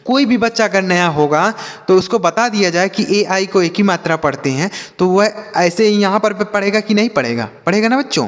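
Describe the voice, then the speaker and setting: A man's voice: sits high, long reverb tail. A man teaching children to read English, spelling each word letter by letter and asking questions that he answers himself. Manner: spells words letter by letter, then repeats them slowly. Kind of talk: spoken lesson for children.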